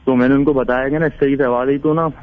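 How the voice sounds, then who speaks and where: A man's voice: medium pitch, fairly even intonation, quick pace, no echo. A man calling in to tell a ghost story in a rambling, casual way, with many restarts. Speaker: caller. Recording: tinny phone line.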